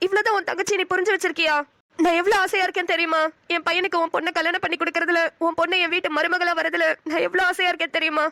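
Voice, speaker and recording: A woman's voice: very high voice, level tone, rapid-fire, bright, forceful tone, dry recording, heavily acted. A woman voicing an emotional, persuasive middle-aged aunt in a cartoon. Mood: pleading. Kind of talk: Tamil cartoon dubbing.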